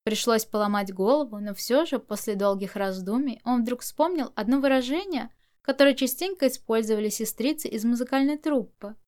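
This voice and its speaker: A woman narrating a novel as a scripted audiobook, with expressive storytelling. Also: a little high, brisk.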